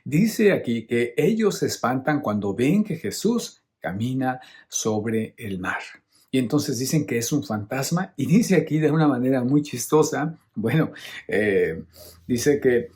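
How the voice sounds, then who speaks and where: With a mid-range, slightly mellow voice and lively intonation, this middle-aged priest speaks a little slowly as he delivers a homily on a Bible passage. He patiently explains each point like a teacher and often checks in with those listening.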